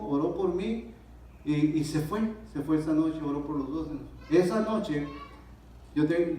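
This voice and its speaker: Man, Mexican accent, church testimony, animated storytelling, high-pitched, distant echoey church recording. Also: slight background noise. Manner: animated storyteller, acts out dialogue. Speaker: church member giving testimony.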